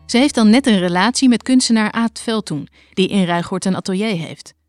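A documentary narrator and interviewer speaking in a calm, measured way. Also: mid-range voice, no echo, studio quality, faint music behind.

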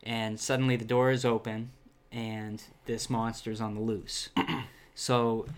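A man's voice: lowish voice, level tone, unhurried, smooth. A man reading a children's horror book aloud, breaking off with laughs and casual asides. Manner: laughing asides, many fillers. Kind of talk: casual read-aloud with commentary.

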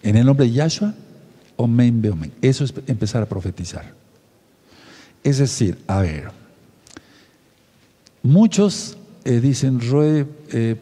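A man preaching with a deep, mellow, somewhat husky voice. He leads his listeners through call-and-response affirmations and has them repeat each phrase after him. His voice trails off into a long, hall-like reverb.

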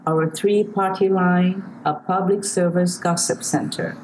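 The rough recording, with a bit of background noise, captures an older Hawaiian poet reading her work and recounting her childhood in an interview. Her voice sits on the low side with a darkish tone and fairly even intonation, and her Hawaiian-accented storytelling is slow, measured, and reflective.

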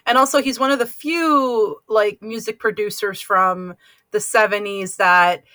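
Lady from california on a podcast, bright sharp voice, gets worked up and laughs. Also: medium pitch, measured pace, dry recording. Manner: animated, laughing asides. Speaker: podcast guest. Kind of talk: casual podcast chat.

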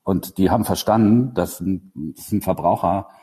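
A man's voice: low-pitched, normal speed, mellow, husky. A man who produces radio ads, talking casually and at length in a podcast chat, with many fillers and restarts.

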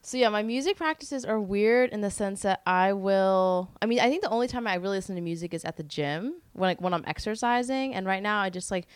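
A woman's voice: mid-range voice, lively intonation, a little fast, few pauses, clear, resonant tone, dry recording. A young woman co-hosting a casual chat, informal and thinking aloud as she goes. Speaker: podcast co-host.

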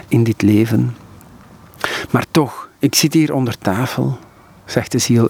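Flemish male scholar, 30s, husky and a bit raspy; earnest, long-winded interview answers. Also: medium pitch, darkish tone. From Belgium. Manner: earnest, searching for words, explaining at length. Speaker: scholar of mysticism, interview guest. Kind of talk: conversational explanation in an interview.

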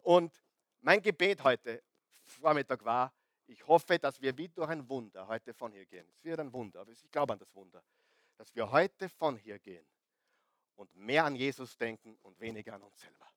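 A middle-aged man preaching a lively sermon to a congregation, often asking the crowd questions and swinging between loud and soft. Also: mid-range voice, normal speed, dry recording. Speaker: pastor.

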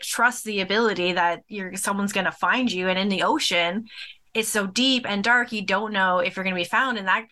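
Podcast co-host, woman, slight lisp, bright voice, excitable rambling chat. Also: medium pitch. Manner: excitable, rambling with many fillers.

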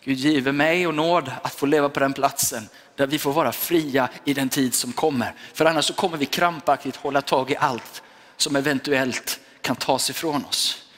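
Swedish-speaking pastor preaching in a reverberant hall. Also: male voice, medium pitch, steady tone, a bit bright. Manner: personal, storytelling preaching with English asides. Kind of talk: sermon. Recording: long reverb of a church hall.

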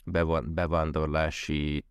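Very deep, clean-voiced man in casual conversation. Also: little pitch movement, smooth, no room sound, studio quality. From Hungary. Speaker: podcast guest, tech worker who moved abroad. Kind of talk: casual interview talk.

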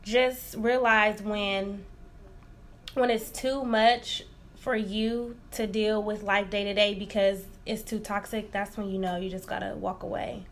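A woman's voice: mid-range voice, little pitch movement, unhurried, slight background noise. A woman co-hosting a podcast in casual chat, speaking in a confiding, reflective and informal way. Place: room in a library.

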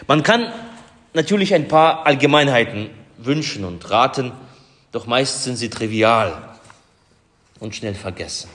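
A male pastor preaches in a church, taking his time over each phrase and lifting his voice for emphasis. His voice sits at an ordinary middle pitch. The church's long reverb trails after every line. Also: expressive, a bit bright. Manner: slow, measured preaching with emphatic rises. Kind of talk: sermon.

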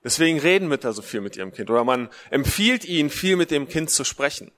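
A man's voice: a little high, very animated, fast, a bit bright. A man giving a casual, conversational sermon, with a speech impediment that leaves his R unrolled, repeating short phrases for emphasis. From Russian-German family background, Germany. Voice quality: speech impediment, cannot roll the R. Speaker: preacher. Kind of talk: casual livestreamed sermon for Mother's Day. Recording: long hall reverb.

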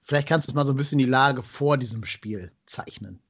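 A man's voice: medium pitch, brisk, a bit bright, slightly rough. A man hosting a podcast in a conversational style, introducing and questioning his guest. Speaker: podcast host.

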